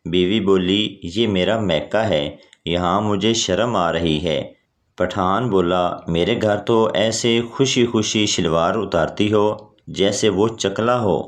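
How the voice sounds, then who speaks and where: A man narrating a string of scripted jokes in a steady storytelling delivery, reading every character's lines himself. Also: sits low. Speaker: joke narrator.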